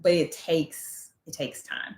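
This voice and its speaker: Woman co-host, casual chat, low pitch, roomy echo, laughs easily. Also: slow, darkish tone. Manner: chatty, laughs often while telling stories. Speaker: co-host of a live chat show.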